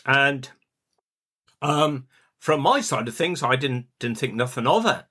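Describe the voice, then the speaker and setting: Chatty Cornish man, bright voice. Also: mid-range voice, animated, unhurried, breathy edge. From Cornwall. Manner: chatty, rambling, with dialect words. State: under the weather. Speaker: podcast host, funeral director. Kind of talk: casual storytelling monologue.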